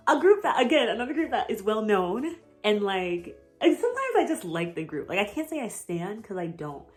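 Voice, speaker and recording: This young American woman's vlog chatter is very animated and fairly quick, pitched in the middle range. She rambles and gushes, sprinkling in fillers and giggles, while soft music plays behind her.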